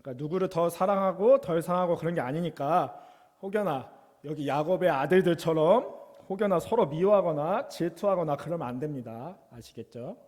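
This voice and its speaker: Young man, high voice, youth pastor, sermon for kids and teens, long church hall reverb. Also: brisk, a little mellow. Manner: conversational, asks the kids questions.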